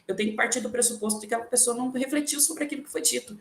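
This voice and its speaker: A woman's voice: a little high, rapid-fire. A Brazilian woman teacher speaking on a video call, explaining patiently and with emphasis. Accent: Brazilian Portuguese. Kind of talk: online workshop talk. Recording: echoey room.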